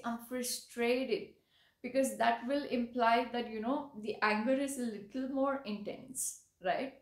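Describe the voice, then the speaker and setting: A woman's voice: on the high side, reverberant. A woman teaching English vocabulary, explaining patiently and often checking in with "right?". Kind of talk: vocabulary lesson.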